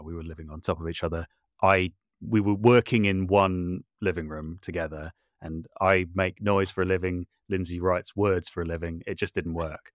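Speaking from a home studio in a small brick outbuilding, a composer and voice artist talks casually as an interview guest in a deep, somewhat bright voice. He's reflective and pokes fun at himself, often going back to reword his points. The sound is clean with no echo.

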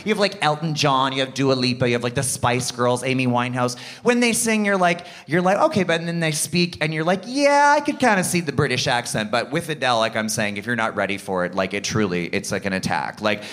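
A man from Canada in his thirties performing a stand-up comedy set, animated and slipping into mock voices. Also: mid-range voice, fairly quick, hardly any pauses. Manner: animated, does mock voices, laughs often. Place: live comedy stage with audience.

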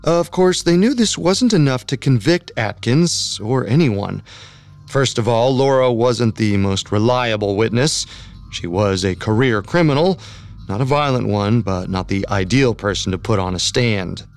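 A man narrating a true crime podcast in a measured, dramatic scripted style. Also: mid-range voice, lively intonation.

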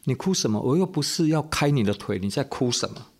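A man's voice: mid-range voice, expressive, normal speed, breathy edge, pitched above the performer's own voice. A man voicing an impatient, stern male surgeon who scolds sharply in a story told on the radio. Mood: scolding.

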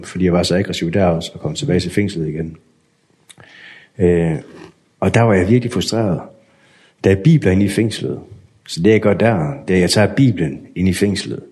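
A man telling his personal story in a candid, unhurried way, acting out remembered conversations. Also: low-pitched, a little mellow. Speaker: guest sharing a testimony.

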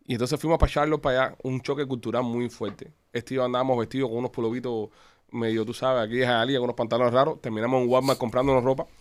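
A man co-hosting a casual sports chat, telling stories in an animated, slangy way. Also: medium pitch, fast talker.

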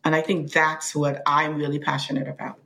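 A woman from the Bahamas speaking as a panel guest, earnest and measured, often restarting her sentences. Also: low voice, little pitch movement, pushed and bright, low-quality recording. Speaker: panel guest, finance and blockchain official. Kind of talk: reflective panel answer.

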